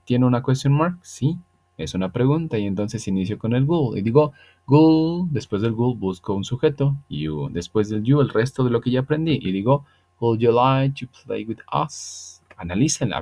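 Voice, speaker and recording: A man, a virtual tutor explaining English grammar patiently to students, slowing down for the examples. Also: medium pitch, warm tone. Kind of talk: online grammar lesson.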